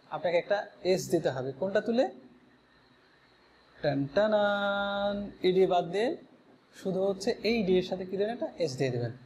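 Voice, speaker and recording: High-voiced man teaching English words. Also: a little mellow, slight background noise. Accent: Bangladeshi Bengali. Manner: drills words and spellings, asks and answers his own questions. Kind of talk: spoken English lesson.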